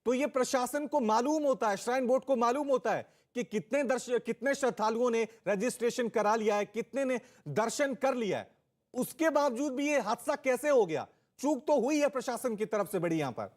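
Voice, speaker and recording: A man's voice: very high voice, expressive, a little fast. A male news anchor reading a bulletin and putting urgent questions to a field reporter.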